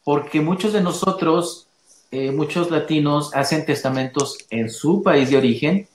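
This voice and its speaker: A man's voice: on the high side, a little slow, a little hiss or hum. A man hosting a question-and-answer chat, reading out listener questions in an easygoing way, sometimes restarting as he frames them. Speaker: host. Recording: roomy echoey room sound.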